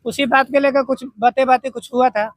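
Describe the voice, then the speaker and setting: A man's voice: very high voice, level tone, brisk, dry recording, clean studio sound. A man from Bihar answering a reporter's questions about his missing wife, speaking plainly and repeating himself earnestly. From Bihar, India. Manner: plain, repetitive, earnest telling. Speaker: husband of missing woman, interviewee. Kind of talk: street interview.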